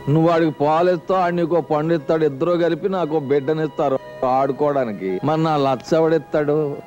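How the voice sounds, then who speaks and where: An older actor playing a stubborn, money-grabbing father-in-law, talking in a gruff, demanding way. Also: on the high side, brisk, darkish tone, highs cut off, faint music behind, lightly acted. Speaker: bride's father. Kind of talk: film comedy acting.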